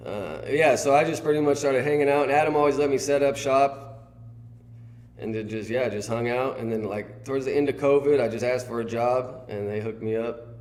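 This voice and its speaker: As a guest in a laid-back chat, a Californian-accented man speaks fairly quickly at a medium pitch. He spins his stories in an easygoing, meandering manner.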